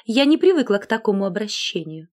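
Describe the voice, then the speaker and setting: A touchy, prudish garter, a young lady of the laundry who keeps her suitor at arm's length, as a woman puts her on. She sounds prim and offended, with a lively storybook lilt. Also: medium pitch, quick pace, lightly acted. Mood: prim refusal.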